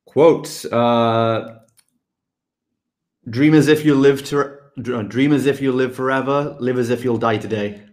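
A middle-aged man from the UK speaks with quick, energetic enthusiasm at a middle pitch. He answers the questions of a podcast interview briskly and sounds fired up about his work. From United Kingdom. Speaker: guest, fitness business mentor.

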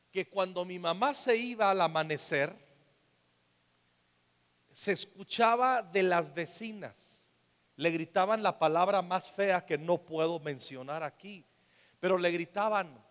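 A man with a Mexican Spanish accent preaches a sermon as pastor, with a fairly high voice. He tells a personal story and often sinks to a soft, hushed tone. His voice carries a long reverb, as in a large hall.

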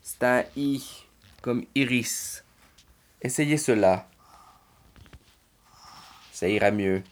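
A man's voice: mid-range voice, drawn-out words. A man voicing a kind, confident little girl in a children's storybook, reassuring and upbeat.

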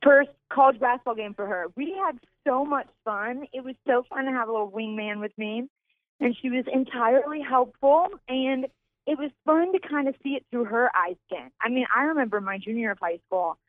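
A woman's voice: on the high side, no echo. Witty young woman on a phone line. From Louisville, Kentucky, US. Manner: quick-witted, playful teasing. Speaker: TV news reporter, guest. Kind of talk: casual radio banter.

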